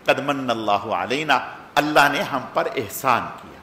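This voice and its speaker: A man's voice: mid-range voice, sharp tone, slight background noise. A male religious teacher retells a scripture story in a Taraweeh lesson, reciting Arabic verses and explaining them. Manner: acts out characters' speech within the story. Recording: roomy reverberant sound with faint ambience.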